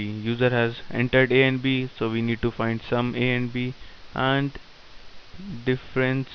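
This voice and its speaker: A man teaching programming in a screen-recorded tutorial, dictating code in short halting phrases. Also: mid-range voice. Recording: dull lo-fi sound with faint hiss.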